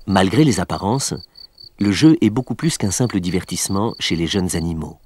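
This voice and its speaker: A low-pitched male narrator reads a nature documentary script in measured, explanatory phrases. Faint insect noise, like crickets, sits behind his voice. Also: animated, darkish tone.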